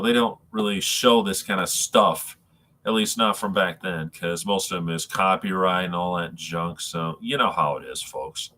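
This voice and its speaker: A man speaks in a fairly low-pitched but bright, forceful voice with a stuffed-up, packed-nose sound. He streams live in a casual, rambling way, often stopping and restarting as he addresses his viewers.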